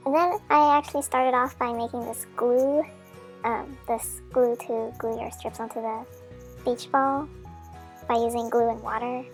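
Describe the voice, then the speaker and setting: A woman's voice sped up into a chipmunk voice, giving a chatty, friendly craft how-to voice-over with small slips. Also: sits high. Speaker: craft tutorial maker.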